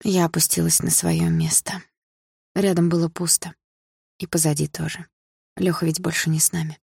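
Casting: low-voiced woman for first-person audiobook narration, husky and gravelly, restrained. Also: level tone, normal speed, a little mellow, no echo, studio quality.

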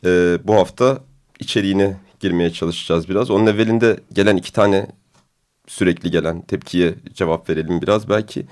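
Deep-voiced male radio host. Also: brisk. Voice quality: deep, booming voice. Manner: relaxed, hesitant with fillers. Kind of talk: casual radio discussion.

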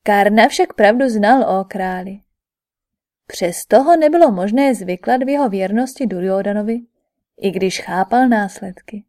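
A woman voicing a calm divine male counsellor who explains steadily, read for an audiobook. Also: mid-range voice, close to an everyday voice. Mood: explaining. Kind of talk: audiobook character reading.

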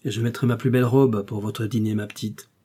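A man's voice: on the low side, steady tone, brisk, mellow, breathy edge. A man reading aloud, voicing an elderly countess who talks in an outspoken, teasing way. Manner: exclamatory, teasing.

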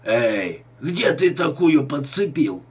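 Man putting on a rowdy drunk, loud, crude, bellowing, husky voice. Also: on the high side, very animated, slow, recorded from a distance, full character voice. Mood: leering.

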